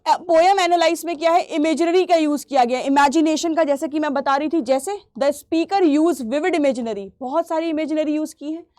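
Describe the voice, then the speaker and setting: A woman teacher giving an exam revision lesson, reading English lines slowly and then explaining them, repeating key points and clearing her throat now and then. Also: high voice, fairly even intonation, a little mellow, no room sound.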